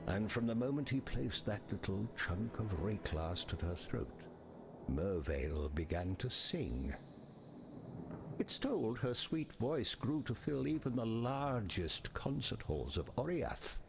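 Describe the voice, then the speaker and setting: An actor voicing a pompous, theatrical, melancholy ghost of a marooned sea captain in a video game, with florid delivery and breathy endings. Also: male voice, low voice, full character voice. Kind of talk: scripted video game character dialogue.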